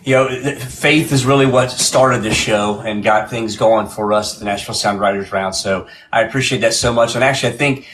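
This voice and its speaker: A man's voice: fairly low pitch, fairly even intonation, a little fast, few pauses, a bit bright, a little hiss or hum. A man hosting a live-stream music show in a casual, chatty way, often repeating and restarting his phrases.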